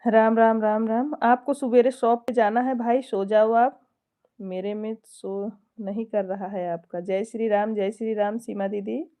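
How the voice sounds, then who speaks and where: Speaking a little slowly in a warm, mid-range voice with fairly even intonation, this woman is a folk singer from Awadh, India, hosting a relaxed live stream. Her Hindi has an Awadhi flavor, and she reads out viewers' comments, laughing frequently and trading devotional greetings.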